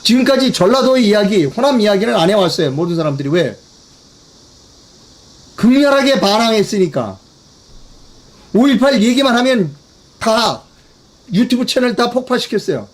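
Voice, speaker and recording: An older man delivers a political commentary monologue in a fairly high voice. He presses his points with heavy repetition and keeps throwing rhetorical questions at the audience. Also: very animated, moderate pace, pauses often. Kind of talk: political news briefing monologue.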